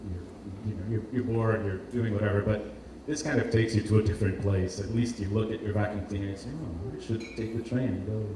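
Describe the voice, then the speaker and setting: A Portuguese designer with a lowish voice and fairly even intonation talks a little fast, with hardly any pauses, in an informal presentation. Even so, he is hesitant and repeats words as he searches for phrasing. The indoor venue echoes heavily, giving a roomy, distant, noisy live recording.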